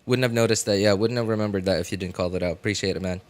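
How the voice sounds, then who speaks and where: A game streamer with a lowish, fairly even voice talks at a racing pace during a livestream, chatting casually while he plays. He rambles and often hunts for words, with game music and sound effects running behind him.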